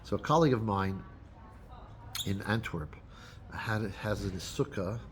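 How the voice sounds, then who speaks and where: Halting, low-voiced rabbi giving a holiday talk. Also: male voice, lively intonation, a little hiss or hum. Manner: unscripted, halting, with many restarts.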